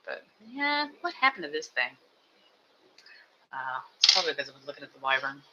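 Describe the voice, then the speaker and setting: A live streamer building toy sets at a home desk, rambling casually and thinking out loud with self-mocking asides. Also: medium pitch, big pitch swings, a little fast, highs cut off, heavy background noise. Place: home desk with two computers.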